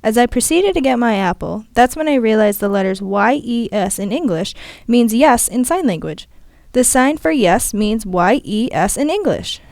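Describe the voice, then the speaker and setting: A woman's voice: on the high side, animated, moderate pace, gravelly, a little mellow, no room sound, clean studio sound. Young woman voicing an interpreted story. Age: young adult. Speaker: student interpreter. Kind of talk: interpreted first-person voiceover.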